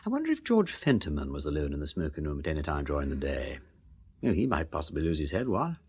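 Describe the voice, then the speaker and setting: Lord Peter Wimsey, swooping, foppish English aristocrat. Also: male voice, very deep voice, huge pitch swings, fast talker, a little mellow, slightly rough, full character voice. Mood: musing, curious. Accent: upper-class English. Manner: breezy, foppish, old-fashioned slang, questioning. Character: jaunty, aristocratic English gentleman sleuth, inquisitive and affable. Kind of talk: radio drama acting.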